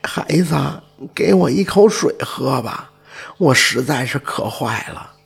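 A man voicing a frail, kind old beggar woman who speaks softly and slowly in a spoken folk tale. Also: fairly low pitch, expressive, vocal fry, husky, faint music behind, heavily acted. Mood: pleading. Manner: soft, slow, pleading.

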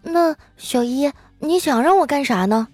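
Lady doing a bratty stammery teen boy, squeaky and whiny. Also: expressive, a little slow, darkish tone, no echo, soft background music. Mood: sheepish. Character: cheeky thirteen-year-old boy, whiny.

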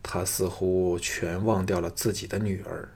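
A man's voice: low voice, little pitch movement, unhurried, vocal fry, a little mellow, breathy edge, full character voice. A man voicing a cool, commanding young hero who speaks curtly and coldly. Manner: curt, cold.

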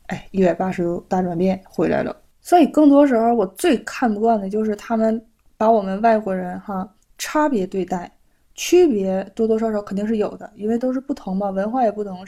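A woman from China, telling a personal story vlog-style, animated and reenacting conversations with lots of exclamations. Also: mid-range voice. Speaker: vlogger. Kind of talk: casual storytelling.

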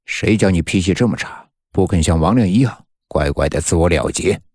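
A man playing a calm, gloating male schemer. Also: deep voice, brisk, breathy edge, no room sound, studio quality. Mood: smug. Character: cruel, smug male schemer.

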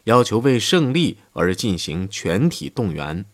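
A man reading a history audiobook in a steady scripted narration, lifting his voice for quoted speech. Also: on the low side, unhurried.

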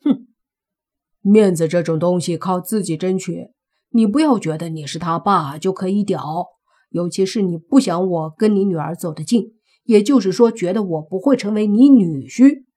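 A woman's voice: on the low side, moderate pace, warm tone, close to an everyday voice. A woman doing a cocky brash young man. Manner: brash, mocking, casual slang.

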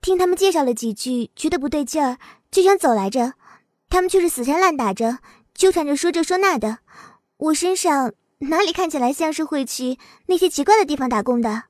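Woman doing a puzzled college girl in an audiobook, super high voice, dry. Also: lively intonation, brisk, a little mellow, no echo. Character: young female student, puzzled and sincere. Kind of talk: audiobook dialogue acting.

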